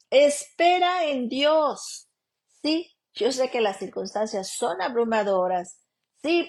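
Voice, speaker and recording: A woman preaching a radio sermon, earnestly asking her listeners direct questions and calling them beloved sister. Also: on the high side. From broadcasting from Canada. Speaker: lawyer and radio program preacher.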